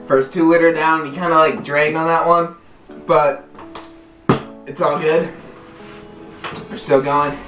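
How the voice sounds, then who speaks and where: A casual vlogger's voice in an echoey room, set back from the mic with music playing. The pitch sits in the middle, and the delivery is halting and repetitive, padded with filler as the host addresses viewers. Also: flat delivery, recorded from a distance. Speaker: YouTube challenge host. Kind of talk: casual vlog chat to viewers.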